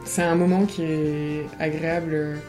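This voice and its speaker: A young woman's deep, flat voice moves a little slowly as she casually tells, in conversation, about her experience as a patient. Her testimony has guitar music playing in the background.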